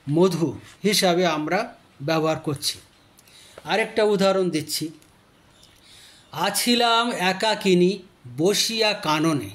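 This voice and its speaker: Male teacher, high-pitched, unhurried explainer who drags out key words and recites poetry as examples. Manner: slow, deliberate explaining that stretches out key words. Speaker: teacher explaining Bengali grammar. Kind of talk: slow explanatory lesson with recited verse.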